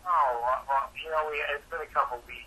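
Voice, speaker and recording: A man's voice: mid-range voice, fairly even intonation, a little fast, a crowd in the background, poor audio. A man co-hosting a casual sports talk show, congested from stuffed-up sinuses, easygoing and joking. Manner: easygoing, joking, filler-heavy.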